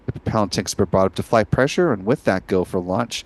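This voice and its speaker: A man's voice: on the low side, lively intonation, quick pace, creaky. A man hosting a live stream, giving informative, orderly explanatory commentary.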